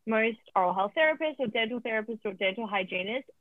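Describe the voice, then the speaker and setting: A woman's voice: fairly high pitch, lively intonation, fast, no room sound. A woman, an oral health therapist, answering interview questions in a chatty way with plenty of fillers, heard over a remote call. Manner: chatty, laughs easily, frequent fillers. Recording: tinny phone-line sound, dry.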